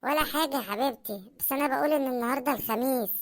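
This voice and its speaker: A woman performs a cartoon husband in Egyptian Arabic, talking fast as he grumbles over prices and begs for a decent meal. It's comedic voice acting, fairly high-pitched, whiny and full of complaint.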